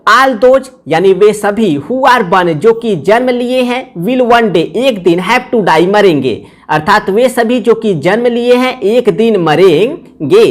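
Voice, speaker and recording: A woman teacher, reading phrases slowly and explaining each one in Hindi. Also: medium pitch, lively intonation. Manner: reads English phrases very slowly, then glosses them in Hindi. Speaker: English teacher. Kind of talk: line-by-line lesson explanation.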